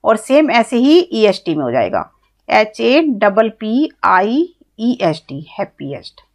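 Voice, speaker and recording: A woman's voice: mid-range voice, very animated, takes it slowly, darkish tone. A woman with an Indian accent teaching an English grammar lesson, explaining step by step, spelling words out letter by letter, and asking questions that she then answers herself. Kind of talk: classroom-style grammar lesson.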